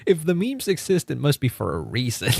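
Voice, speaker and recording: A man's voice: medium pitch, wildly swooping pitch, normal speed, creaky, darkish tone, husky, dry recording. A man whose first language is Spanish, chatting casually on a livestream, laughing often, repeating words and reading chat. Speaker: streamer.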